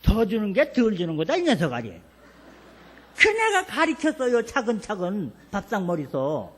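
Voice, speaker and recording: An older pastor, preaching a revival sermon in a folksy storytelling way, asking the congregation questions. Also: male voice, high-pitched, wildly swooping pitch, measured pace, husky.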